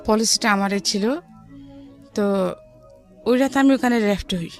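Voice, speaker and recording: Music plays under a middle-aged woman with a Bangladeshi accent as she narrates her life story in a relaxed, conversational way. She uses some English words and speaks at medium pitch and a measured pace.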